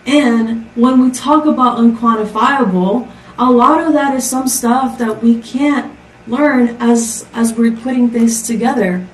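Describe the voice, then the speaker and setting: At a measured pace and with fairly even intonation, a woman from Costa Rica delivers a prepared tech conference talk that is upbeat and full of rhetorical questions. Her voice is a little high. The audio is echoey, as if recorded far from the microphone.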